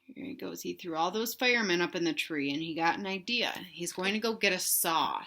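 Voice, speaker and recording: Reading a picture book aloud to young children, this storyteller has a lowish voice and speaks fairly quickly with a bright, forceful tone. She reads expressively, offers simple explanations, and asks her listeners questions.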